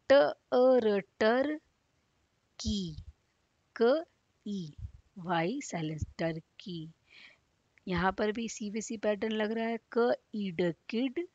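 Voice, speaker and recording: Very slow Hindi-accented woman teacher sounding out letters, dull dry recording. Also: medium pitch, no echo. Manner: sounds out letters one by one, then blends them. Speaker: phonics teacher. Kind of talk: slow sounding-out phonics lesson.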